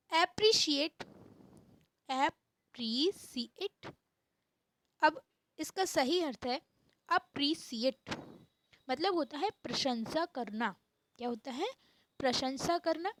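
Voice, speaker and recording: A woman teaching an English grammar lesson, reading each English sentence slowly and repeating it. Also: high-pitched, low-quality recording.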